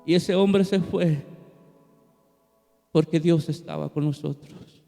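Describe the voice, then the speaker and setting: A man, a pastor telling a testimony in an earnest, emphatic way that slows down for key declarations. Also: a little high, fairly even intonation, creaky, mellow. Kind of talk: testimony sermon. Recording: reverberant hall with violin music behind.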